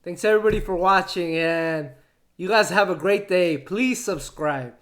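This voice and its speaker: A man chatting excitedly in a casual review, retelling scenes and laughing often. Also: sits high, normal speed. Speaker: wrestling show reviewer.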